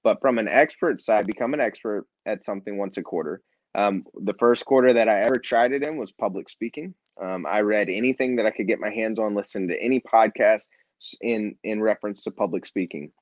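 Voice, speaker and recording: With a lowish voice and a slightly fast pace, a nonprofit founder and CEO speaks in an energetic, conversational interview about leadership, repeating phrases emphatically to inspire. The sound has no room reverb and is a touch dull and lo-fi.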